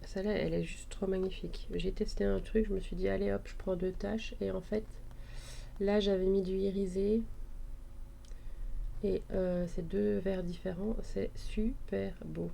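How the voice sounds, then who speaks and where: A woman's voice: medium pitch, little pitch movement, normal speed, creaky, warm tone, slight background noise. A woman casually explaining her scrapbook page at her craft table, hesitant and full of fillers and restarts.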